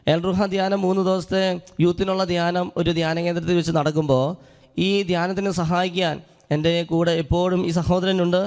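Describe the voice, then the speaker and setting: ഒരു പുരോഹിതൻ ഹാളിന്റെ മുഴക്കത്തിൽ, ഒരു അനുഭവകഥ പറഞ്ഞുകൊണ്ടുള്ള പ്രസംഗം. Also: male voice, high voice, little pitch movement, a little fast, a little mellow, smooth. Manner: earnest storytelling, acts out quoted speech. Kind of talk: sermon with a personal story. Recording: long hall reverb.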